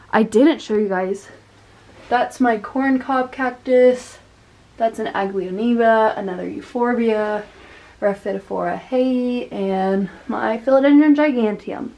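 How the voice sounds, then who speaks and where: A woman vlogger talks casually through her plant collection. Her voice sits a bit high and she takes her time, with a self-deprecating, laughing manner. She sounds slightly out of breath. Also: darkish tone. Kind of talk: casual houseplant tour.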